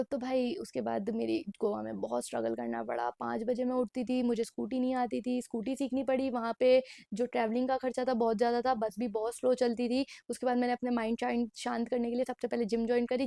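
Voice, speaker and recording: A young woman in her twenties chats through a personal story for her vlog, talking casually at night in a room with a dry, close sound. Her voice sits a bit high and carries a gravelly crackle, and she keeps mixing English phrases into her Hindi. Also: quick pace, mellow, no room sound. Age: 20s. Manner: chatty, mixes English phrases into Hindi and keeps saying "bhai". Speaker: vlogger.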